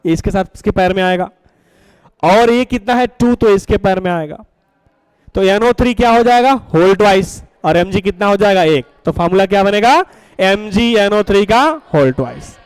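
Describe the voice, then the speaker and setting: High clear-voiced male teacher. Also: animated, normal speed, no echo, poor audio. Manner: coaxing, asks the class questions and repeats answers. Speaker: school chemistry teacher. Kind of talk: classroom lecture.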